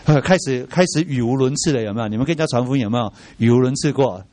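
Racing along at a medium pitch, a middle-aged instructor in a church training class keeps things lively with rhetorical questions and occasional English words woven into his talk.

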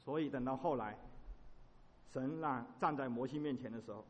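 A man preaching a sermon, moving between quiet reflection and loud, impassioned passages, often ending sentences with a soft "哈". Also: mid-range voice, moderate pace, lo-fi sound. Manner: adds a soft "哈" tag to sentences. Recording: long hall reverb.

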